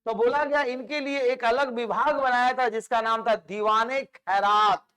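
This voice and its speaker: A man teaches history for exam preparation in a very high, smooth and resonant voice. He keeps repeating key names and firing questions back at his students. English words slip into his all the time. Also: steady tone, a little slow, sharp tone. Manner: mixes English words into Hindi. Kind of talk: exam-prep history lecture.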